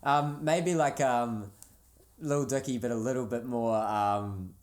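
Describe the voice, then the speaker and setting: Laid-back Kiwi rapper, casual chat. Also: male voice, mid-range voice, takes it slowly, darkish tone. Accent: New Zealand. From New Zealand. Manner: laid-back, rambling with many fillers. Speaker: rapper guest.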